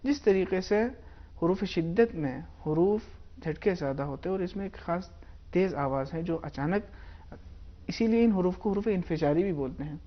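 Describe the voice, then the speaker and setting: A man teaching Quran recitation rules, explaining in a measured way and slowing down to demonstrate pronunciation. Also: high-pitched, lively intonation, lo-fi sound.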